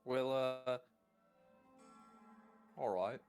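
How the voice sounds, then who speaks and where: A man's voice: mid-range voice, extremely slow, a little mellow, soft background music. Wealthy businessman, hesitant, fumbling accent, voiced by a man at a tabletop game. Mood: probing. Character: wealthy male businessman, newly arrived. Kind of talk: tabletop role-play.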